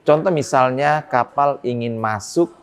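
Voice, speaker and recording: Hesitant man rising to emphatic points. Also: a little slow. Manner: many hesitations, rises in pitch when making a point. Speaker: port business guest. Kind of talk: interview answers.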